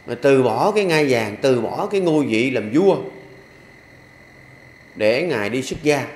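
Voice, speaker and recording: A man's voice: mid-range voice, lively intonation, measured pace, a little mellow. A man, a Buddhist monk, giving a dharma talk to lay followers in a folksy, repetitive way with humorous asides. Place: temple hall. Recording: echoey hall with faint ambience.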